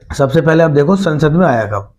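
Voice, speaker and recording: A man's voice: fairly high pitch, lively intonation, moderate pace, darkish tone. A man giving an exam-prep lesson, asking the listeners questions and repeating key points, calling them brother and friends. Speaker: teacher.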